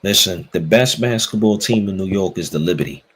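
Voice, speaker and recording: A man's voice: low-pitched, a little fast, a bit bright, slightly rough, soft background music, poor audio. An American man hosting a casual sports chat, opinionated and repeating phrases for emphasis. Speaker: talk show host.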